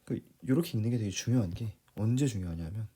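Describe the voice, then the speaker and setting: Mellow-voiced man giving a casual lesson. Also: lowish voice, expressive, fast, slightly rough. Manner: talks to students in plain speech, often rephrasing and checking in. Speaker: English reading teacher. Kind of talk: casual lecture.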